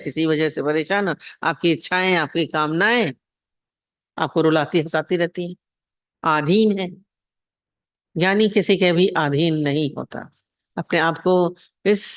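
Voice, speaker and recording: A man delivers a devotional scripture discourse as a spiritual teacher. He repeats phrases and puts rhetorical questions to his listeners, in a voice high for a man. The sound is dry, with no room echo. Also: clear, resonant tone.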